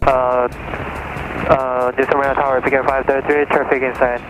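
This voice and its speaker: Flat-voiced pilot over the radio. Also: male voice, medium pitch, fairly quick, music in the background, poor audio. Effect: pilot's voice over the aircraft radio. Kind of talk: radio calls to the control tower.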